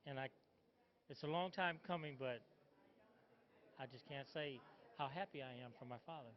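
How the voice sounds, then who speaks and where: A man's voice: medium pitch, moderate pace. A man being interviewed about his father's honor, speaking in a proud, emphatic way. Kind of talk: casual interview. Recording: muffled lo-fi video sound.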